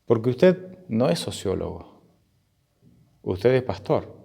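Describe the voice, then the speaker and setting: A man's voice: medium pitch, very animated, takes it slowly, creaky, dark tone, slightly rough, heavily acted. A man with an Argentine accent voicing a blunt middle-aged bar owner in his sermon story, matter-of-fact and plain. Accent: Argentine Spanish.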